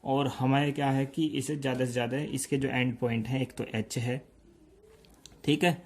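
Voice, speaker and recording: A man giving a step-by-step lesson, explaining slowly and checking in often with his listeners. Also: medium pitch, fairly even intonation. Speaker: teacher. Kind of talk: step-by-step lecture.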